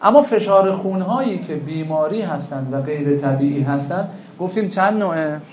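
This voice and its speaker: A man's voice: a little high, expressive, a little mellow, reverberant. A man teaching a class on traditional medicine, lecturing animatedly and asking his students questions that he answers himself.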